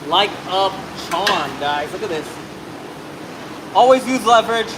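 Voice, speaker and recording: A man's voice: high-pitched, animated, a little slow. Man in his thirties over shop noise. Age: 30s. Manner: rambling, offhand, swears casually. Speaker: auto mechanic showing a brake job. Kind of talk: casual how-to narration while working. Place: auto shop with a truck on a hoist.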